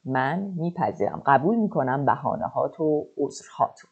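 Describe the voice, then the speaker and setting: A woman teaching a French lesson online, drilling verb forms slowly and explaining quickly between them. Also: very deep voice, very animated, breathy edge, muffled recording. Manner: slow deliberate French drills, quick asides.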